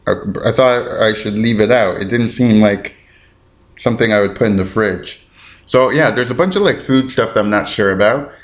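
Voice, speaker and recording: Easygoing low-voiced male podcast host. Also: moderate pace. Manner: rambling and easygoing, thinking aloud. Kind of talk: casual solo podcast chat.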